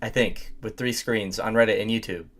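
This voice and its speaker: A man's voice: fairly low pitch, steady tone, moderate pace, a bit bright. A man hosting a casual reaction commentary, crude and mocking, laughing often into a desk microphone. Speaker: host reacting to a video. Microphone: home desk microphone.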